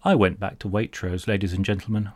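A British man with a fairly low voice performs a humorous monologue. He rants with exasperated sarcasm and grandiose, mock-pompous phrasing. The sound is close and dry. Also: steady tone, fast talker, dry recording. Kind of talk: comedic rant monologue.

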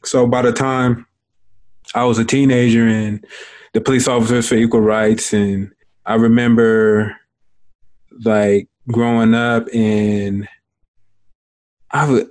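A man's voice: medium pitch, fairly even intonation, takes it slowly, a little mellow. A young adult man hosting an interview, talking casually with lots of fillers and informal slang. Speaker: interviewer, host. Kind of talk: casual conversation.

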